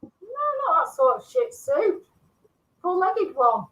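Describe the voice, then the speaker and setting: A woman's voice: high-pitched, big pitch swings, slow pace, a bit bright, recorded from a distance. A woman chatting casually with friends, playful and cooing. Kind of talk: casual chat. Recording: roomy sound, away from the mic.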